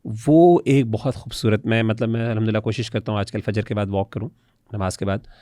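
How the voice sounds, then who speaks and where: A man's voice: fairly low pitch, little pitch movement, fast, darkish tone, clean tone, no echo, studio quality. A man in a casual podcast discussion, talking earnestly and with animation, often using devout religious phrases.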